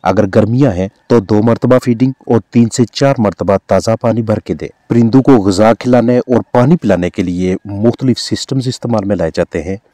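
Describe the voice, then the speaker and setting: A man's voice: fairly low pitch, brisk, few pauses, no room sound, studio quality. A man with a Pakistani Urdu accent, a veterinarian giving formal, instructive, scripted voice-over narration. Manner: formal, instructive, steady delivery.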